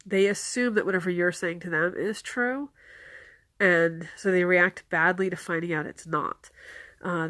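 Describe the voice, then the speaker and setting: A woman with a cold-stuffed nose calmly explains folklore and offers practical advice in a casual, earnest manner. Her voice sits on the low side, and the recording is dry.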